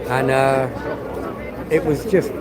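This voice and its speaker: Man livestreaming from a loud crowd. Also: mid-range voice, steady tone, takes it slowly. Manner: chatty, swears often, greets viewers by name. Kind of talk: casual live-stream chat. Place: outdoors on a busy city street. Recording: loud crowd noise from the street.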